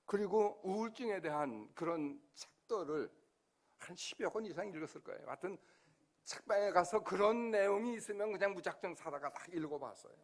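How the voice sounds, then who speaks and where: A man's voice: sits high, animated, a little fast. An older man, a pastor, preaching an emotional sermon in church, acting out his prayers and his dialogue with God. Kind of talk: sermon testimony. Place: church sanctuary.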